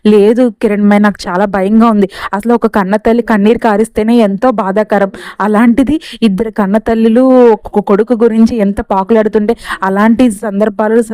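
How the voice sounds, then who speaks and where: A woman voicing an anxious, soft-hearted older husband who is afraid to go to court. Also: mid-range voice, no room sound, natural voice. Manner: anxious, hesitant.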